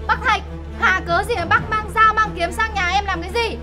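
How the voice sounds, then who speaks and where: An actress playing an indignant younger sister-in-law protesting in a comedy film. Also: female voice, very high voice, fairly even intonation, brisk. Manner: protesting, calling him uncle. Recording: film scene with loud music.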